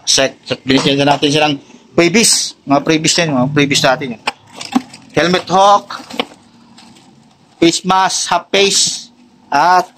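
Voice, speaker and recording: Showing products to a customer and his viewers, a Filipino man who sells motorcycle accessories and vlogs talks casually in a fairly high, somewhat bright voice. He frequently addresses the customer respectfully, amid vehicle noise around him.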